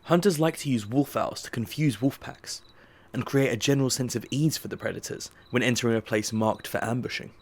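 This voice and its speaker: A man narrating an audiobook drama in a measured, even storytelling manner. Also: mid-range voice, a little hiss or hum.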